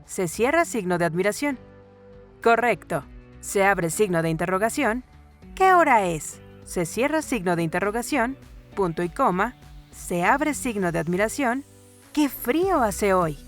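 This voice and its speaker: Lady reading a grammar lesson, calm and even, soft music behind. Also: mid-range voice. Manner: calm, even read with clear pauses. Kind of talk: scripted educational narration. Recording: voice-over with faint background music.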